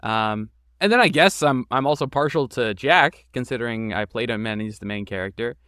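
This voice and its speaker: Expressive and bright, with a forceful yet clean tone, this mid-range male voice moves at normal speed. He's a game creator and voice actor fielding podcast interview questions in a casual, enthusiastic, self-deprecating manner. Sound is dry and studio quality.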